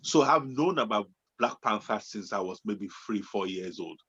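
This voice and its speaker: A man in his late forties, co-hosting a casual chat in an animated way, turning from loud excitement to low musing. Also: normal speed, husky. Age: 40s. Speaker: podcast co-host. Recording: dull lo-fi sound.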